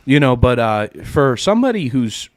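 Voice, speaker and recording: A man hosting a casual podcast chat, laughing often and telling lively stories. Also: mid-range voice, moderate pace, no echo, studio quality. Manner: laughs often, animated storytelling. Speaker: podcast host.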